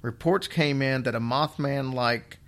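A man's voice: medium pitch, a little slow, fairly bright tone. A man hosting a casual storytelling show, wry and joking, with a slight slur and the odd whistle or lip smack from a half-numb mouth. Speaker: podcast host.

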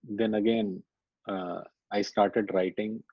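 A man with a North Indian accent talks conversationally about his own life in a halting, hesitant way. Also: on the low side, flat delivery, breathy edge. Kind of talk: conversational coaching discussion. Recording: dull, roomy, lo-fi recording.

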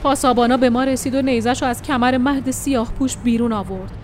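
High-voiced woman narrating an adventure story. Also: fairly even intonation. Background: faint music.

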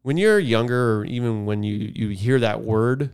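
A man's voice: medium pitch, moderate pace, darkish tone, smooth. A man co-hosting a podcast in casual chat, blunt and joking in an offhand way. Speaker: podcast co-host.

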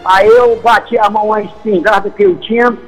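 A man's voice: high-pitched, steady tone, brisk, faint music behind, rough recording. A man from calling a radio show and casually telling a story. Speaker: radio caller.

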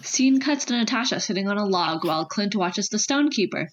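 A woman's voice: medium pitch, animated, fairly quick, muffled recording, slight background noise. A woman narrator reading out scripted scene action and stage directions.

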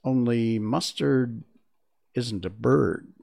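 A man's voice: mid-range voice, slow pace, vocal fry, darkish tone. A man reading aloud and voicing a polite young girl who answers cautiously. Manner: polite and careful.

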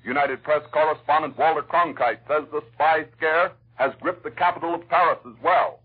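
An American man delivers war news as an old 1940s radio announcer. His voice is very husky and a little high, with a formal, dramatic delivery. It comes through a narrow, tinny vintage broadcast. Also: fairly even intonation, normal speed. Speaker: radio newscaster. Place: radio newsroom.

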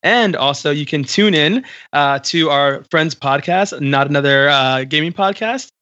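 A man's voice: fairly high pitch, a little slow, bright, forceful tone, no room sound, dull audio. A man chatting casually on a podcast in a wry, joking way. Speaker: podcast panelist. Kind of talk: casual chat.

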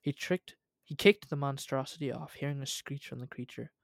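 A man's voice: mid-range voice, moderate pace, gravelly, dry recording, studio quality. A young man reading a story aloud at home, casual, with asides.

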